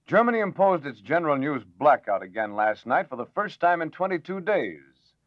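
A man reading a formal radio news bulletin in a measured announcer manner, heard as an old newsreel-style broadcast. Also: on the high side, sing-song, no echo. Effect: old newsreel-style broadcast sound. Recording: dull lo-fi old radio recording, dry.

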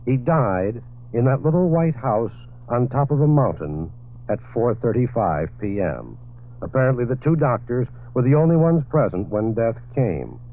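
Male radio newsman from an old 1940s broadcast, tinny phone-like audio, steady reading with a few fillers. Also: mid-range voice, moderate pace. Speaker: radio news reporter. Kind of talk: 1940s radio news bulletin.

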